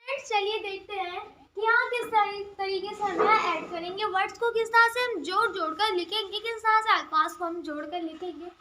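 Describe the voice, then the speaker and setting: A woman teaching the Urdu script, who asks questions and answers them herself, repeats key sounds slowly and mixes English words into her Hindi. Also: very high-pitched, pushed and bright, reverberant, slight background noise. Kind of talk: spoken tutorial explaining Urdu script.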